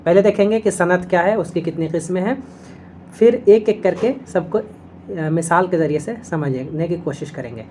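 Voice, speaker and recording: Woman, teacher, lower voice, step-by-step explaining, slow verse reciting, faint background noise. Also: mellow. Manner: explains step by step, often checking in with "theek hai". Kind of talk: exam-prep video lesson.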